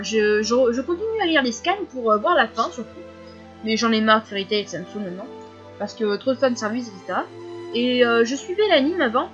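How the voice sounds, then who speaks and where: A fifteen-year-old girl answering viewer questions in a casual vlog, talking fast with many fillers and frequent giggles. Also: high-pitched, muffled recording. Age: teens.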